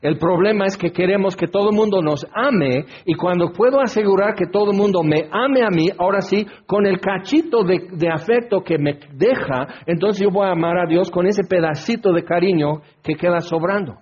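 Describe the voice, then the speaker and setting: A man's voice: high-pitched, normal speed, hardly any pauses, darkish tone, breathy edge. A man preaching a sermon, reading scripture aloud and asking the listeners rhetorical questions. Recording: dull lo-fi recording.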